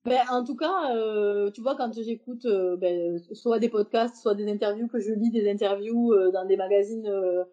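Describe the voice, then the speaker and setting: Invitée de podcast, une femme, timbre chaud et feutré, parole hésitante avec nombreux « euh ». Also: female voice, mid-range voice, normal speed, few pauses, mellow, lo-fi sound. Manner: hesitant, many fillers and restarts. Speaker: podcast guest, embroiderer. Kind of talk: casual interview talk.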